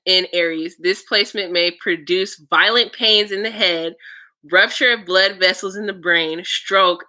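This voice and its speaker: A woman's voice: medium pitch, pushed and bright. A young woman telling casual stories in a vlog, chatty and frank, swearing and laughing often. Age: young adult. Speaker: vlogger.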